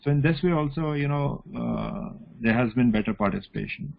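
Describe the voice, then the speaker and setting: A man's voice: medium pitch, lively intonation, brisk, gravelly. A male academic with a North Indian accent explains things informally in an online teaching session. His phrases often end in small checking tags. The sound is a little dull, like call audio. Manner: explanatory, often adds "you know" and "right?" as tags. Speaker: academic lecturer. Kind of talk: informal online lecture with question and answer.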